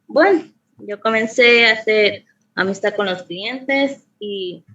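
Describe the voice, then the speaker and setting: Animated woman telling a story, distant mic. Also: medium pitch, takes it slowly, echoey room, lo-fi sound. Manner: animated storyteller, acts out quoted dialogue. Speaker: student. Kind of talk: telling a personal anecdote.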